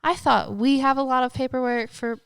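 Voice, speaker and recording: A woman's voice: sits high, fairly even intonation, a little fast, creaky, a bit bright, smooth, dry recording. A woman who is a guest on a casual interview podcast, chatty and profane, and she laughs easily.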